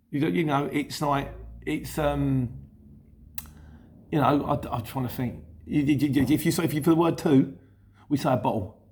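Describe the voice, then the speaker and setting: A man's voice: a little high, a little mellow. A middle-aged man from Luton with a Cockney-influenced London accent, chatting casually and rambling as he explains things in a vlog, often correcting himself. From Luton, England. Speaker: YouTube host and courier driver.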